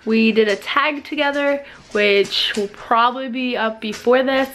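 A woman's voice: a little high, unhurried, a bit bright, slight background noise, low-quality recording. A young woman talking casually to the camera as a vlogger, rambling and chatty with frequent fillers. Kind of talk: casual vlog chat.

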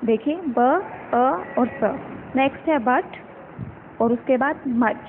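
High-voiced woman teaching phonetics over a tinny line. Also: slow. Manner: explains step by step, asks and answers her own questions; mixes English words into her talk. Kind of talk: phonetics lesson. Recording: tinny phone-quality audio with faint noise.

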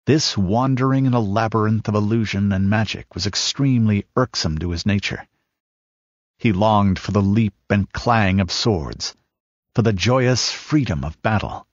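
A man reading a dark fantasy tale as audiobook narrator, measured and dramatic, rising as the battle scenes build. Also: fairly low pitch, no echo. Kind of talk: scripted narration. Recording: dull lo-fi audiobook recording.

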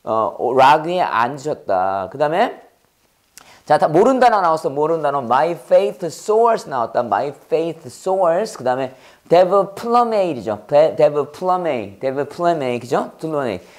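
A grammar teacher in a recorded lecture, with a voice that rises and falls a great deal. The teacher drills learners through call-and-response, repeating short questions. Example sentences are read out slowly and carefully. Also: medium pitch, very animated.

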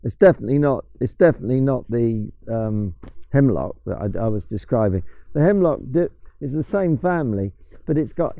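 This older Englishman guides a foraging walk through woodland, speaking casually about wild plants and mushrooms with some hesitant restarts. He talks fairly quickly with hardly any pauses, his mid-range voice warm and lively. The recording is dry.

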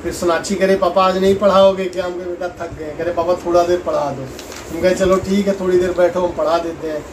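A man in his thirties telling his family's day at home, in a relaxed and plain way. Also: sits high, brisk, distant mic, background noise. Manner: plain, relaxed storytelling, coaxing with children. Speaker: husband, father. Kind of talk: casual conversation. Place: home, indoors.

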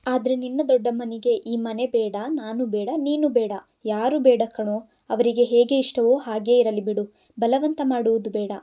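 A woman's voice: a little high, steady tone, normal speed, lo-fi sound, lightly acted. A woman voicing a bitter young husband who speaks in cold, cutting lines in an audio story.

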